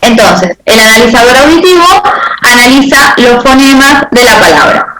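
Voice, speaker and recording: Una profesora con acento argentino da una clase y a cada rato verifica con "¿sí?" que sus alumnos entiendan. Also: female voice, on the high side, animated, normal speed, roomy sound, a loud crowd, poor audio. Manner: checks understanding with frequent "¿sí?". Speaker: teacher. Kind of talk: class lecture with questions to students.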